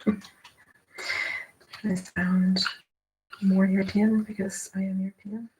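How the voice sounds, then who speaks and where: An American woman chats casually and rambles while playing cards alone, asking and answering her own questions as if talking to herself. Her mid-range, dark voice stays level and slow. The recording is very noisy and full of clicks.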